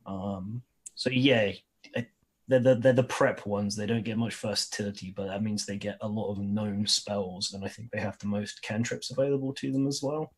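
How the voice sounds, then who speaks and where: A man with a husky voice, talking casually as a player in a tabletop game. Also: fairly low pitch, fairly even intonation, normal speed.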